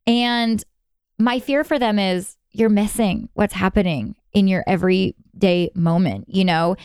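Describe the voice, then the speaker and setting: A woman's voice: medium pitch, a little mellow, smooth, dry recording, studio quality. A woman guest in an interview, telling stories earnestly and sometimes speeding up in bursts. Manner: earnest, storytelling with quick bursts. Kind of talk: conversational interview.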